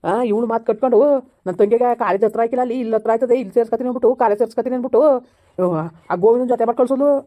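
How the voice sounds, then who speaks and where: A woman's voice: a little high, very fast. Harsh scolding woman, tinny sound. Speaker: actor in a village comedy skit. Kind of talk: scolding village drama dialogue.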